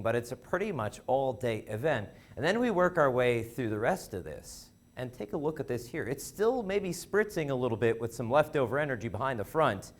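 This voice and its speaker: Male weathercaster, animated and jokey, pitch swinging widely. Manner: animated, playful, chatty with wordplay. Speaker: weather presenter. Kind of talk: student TV weather forecast.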